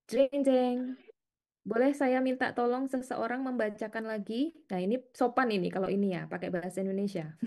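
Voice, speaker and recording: Casting: lively woman lecturer, middle-aged, coaxing and chatty, a little high. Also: moderate pace. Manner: lively, chatty, coaxing students, laughing often. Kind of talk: interactive class teaching.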